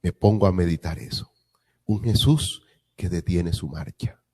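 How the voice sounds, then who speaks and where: A man's voice: deep voice, unhurried, mellow, breathy edge. A man preaching a reflective meditation on a gospel reading, asking rhetorical questions and repeating key phrases.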